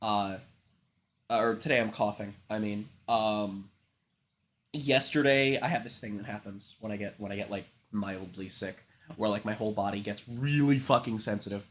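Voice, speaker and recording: A sick, congested man hosts a casual livestream chat, rambling along in a lowish, fairly bright voice at a moderate pace. He coughs now and then, swears often, and fills gaps with "um."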